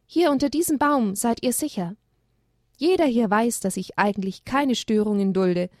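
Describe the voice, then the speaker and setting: A woman voicing a wise, calm male owl who speaks thoughtfully. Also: a little high, dry recording, clean studio sound, close to an everyday voice. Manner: thoughtful, measured.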